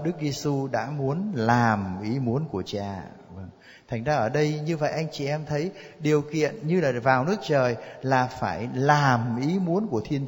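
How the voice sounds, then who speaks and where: A man preaches to his congregation, explaining a Bible passage in plain, repetitive words. His voice sits fairly high. The sound hangs in the long reverb of a church hall. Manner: repetitive, explanatory, acts out quoted pleas with rising pitch. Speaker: priest leading a Bible study. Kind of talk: sermon explaining scripture to a congregation.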